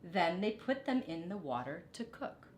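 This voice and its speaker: This is a middle-aged woman giving an expressive, deliberate storybook reading like a teacher, with little explanatory comments slipped in. There's a roomy echo and some faint low rumbling behind her.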